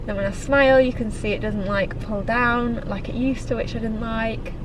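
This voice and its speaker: Her voice sits a little high, with a steady tone and normal pace, as this twenty-something British fitness vlogger chats to camera with lots of ums and likes. A cold has her nose a bit blocked. She records in a parked car and at home, and there's noticeable background noise.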